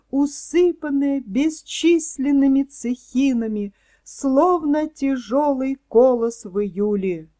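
A woman voicing a sly, scheming fox swindler in a storybook reading, talking smoothly and persuasively. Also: high-pitched, mellow.

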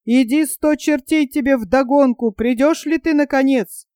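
A reader voicing a bold, gruff monk who curses and shouts orders during a storm. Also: high voice, unhurried, no echo, clean studio sound. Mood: angry. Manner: shouting, cursing, commanding.

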